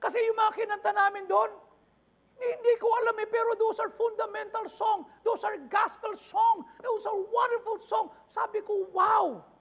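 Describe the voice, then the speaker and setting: A man's voice: extremely high pitch, level tone, normal speed, vocal fry, lo-fi sound. A man preaching a sermon as pastor, impassioned, throwing out rhetorical questions. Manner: impassioned preaching mixing Tagalog and English, repeated rhetorical questions. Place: church.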